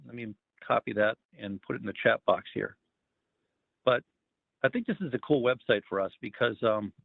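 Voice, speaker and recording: Guy calling in by phone, kinda gravelly, tinny phone sound, lots of ums. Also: medium pitch, no room sound. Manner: relaxed, lots of ums and uhs. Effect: speaking over a phone line. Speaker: federal wildlife agency staffer giving a career talk. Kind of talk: casual online presentation. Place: online video call. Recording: tinny phone line, dry.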